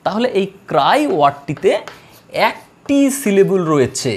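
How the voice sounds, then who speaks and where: A woman teaching an English grammar lesson, slowly drawing out model words and repeating them for her students. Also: on the low side, animated, darkish tone. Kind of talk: classroom lesson.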